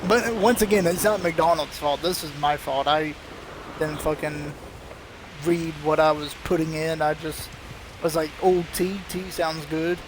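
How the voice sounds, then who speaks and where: A man's voice: a little high, steady tone, a little slow, background noise. Rambling, cursing young male streamer. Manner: rambling, heavy swearing, laughs at himself. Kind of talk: casual live-stream chat.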